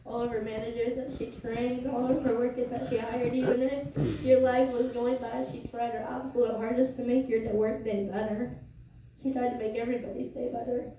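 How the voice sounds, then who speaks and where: High-voiced young woman giving a tender eulogy. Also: level tone, mellow. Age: young adult. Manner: tender, informal storytelling with halting pauses. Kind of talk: personal eulogy to mourners. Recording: echoey room, distant muffled mic, noisy.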